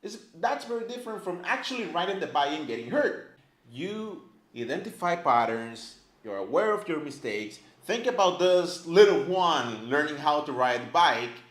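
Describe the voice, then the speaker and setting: With a camera operator filming, this man explains a language casually to camera in an echoey indoor room. He speaks on the high side at a moderate pace, animated and talkative, leaning constantly on "like" and "right?".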